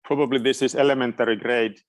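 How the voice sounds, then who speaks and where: A middle-aged Finnish man, a native speaker serving as a guest education expert, fields questions informally and hesitantly while hunting for words. His medium-pitched voice stays fairly even and moves fast, with no echo.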